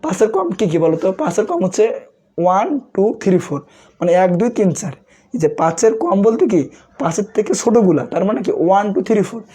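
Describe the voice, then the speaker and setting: A young male tutor from Bangladesh teaches a revision math class with a sore throat. His voice is husky and dark, and he talks fast, firing questions at his students and answering them himself. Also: high voice.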